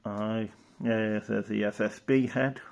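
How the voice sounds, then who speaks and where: Here a gravelly, lowish man's voice holds a steady tone and takes its time. He's a hobbyist presenter giving rambling, casual show-and-tell remarks, plain-spoken and fond of tag questions.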